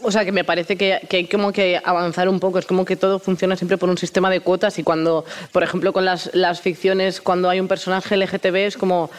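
Hesitant mid-pitched podcast co-host. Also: level tone, fast, hardly any pauses, smooth. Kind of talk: casual chat.

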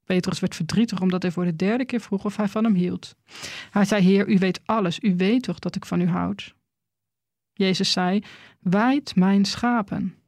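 A woman's voice: medium pitch, steady tone, normal speed, darkish tone, no room sound. Woman preaching a sermon, dry close sound. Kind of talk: sermon with scripture reading.

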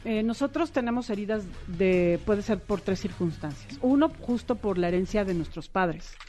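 A middle-aged woman, a psychotherapist guest explaining ideas in a warm, expressive way. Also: mid-range voice, moderate pace, soft background music. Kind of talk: casual interview chat.

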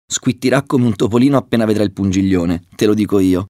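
A man's voice: fairly low pitch, fast, mellow, no echo, clean studio sound, lightly acted. Cocky muscular young mouse, teasing tone, storybook; male reader plays him.

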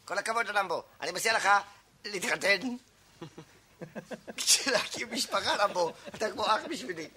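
An actor playing a fond, pleading Indian restaurant owner who is a friend of Rambo, in an archive TV comedy sketch. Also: male voice, high voice, long pauses, background noise, natural voice. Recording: archive TV sketch with music behind.

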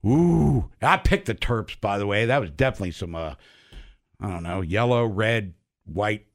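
A man's voice: fairly low pitch, animated, moderate pace. A middle-aged man hosts a sports radio show in a casual, conversational style. He has no teeth in, so his speech is toothless with a slight lisp. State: toothless, speaking without his dentures.

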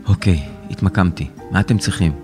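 A man voicing a brisk, matter-of-fact young tech helper in a serialized children's story. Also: sits low, a little mellow, soft background music, natural voice. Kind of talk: storybook character reading.

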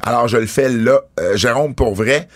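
A man with a Quebec French accent hosting a casual wrestling podcast, animated and quick with asides. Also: mid-range voice, dry recording, studio quality. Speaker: podcast host.

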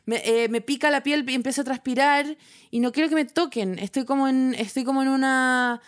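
A woman's voice: sits high, steady tone. Chatty Chilean woman, rambling storyteller. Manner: rambling storyteller, halting restarts. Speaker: podcast co-host. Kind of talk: casual chat.

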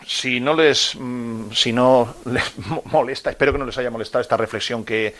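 A man's voice: mid-range voice, fairly even intonation, moderate pace, a bit bright. A man in his fifties from Murcia, hosting a sports radio show and delivering an impassioned monologue, speaking straight to his listeners with rhetorical questions. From Murcia, Spain. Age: 50s. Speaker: radio host.

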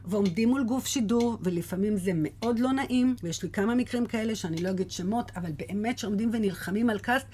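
Woman, Israeli accent, mid pitch, emphatic, word-repeating, conversational interview, slight background ambience. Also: hardly any pauses, mellow, a little hiss or hum. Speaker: casting director interviewed as guest.

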